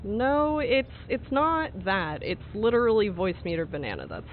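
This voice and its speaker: A man's voice: high voice, very animated, normal speed. A man co-streaming in casual chat over a voice call, his voice muffled as if coming through a wall. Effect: muffled, as if talking through a wall. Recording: muffled phone-like voice call with faint noise.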